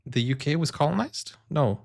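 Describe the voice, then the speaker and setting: A Brazilian man, a native Portuguese speaker, hosts a casual reaction video in English with an American accent, rambling earnestly with many fillers and addressing viewers directly. His voice is on the high side, gravelly and darkish, expressive and at normal speed.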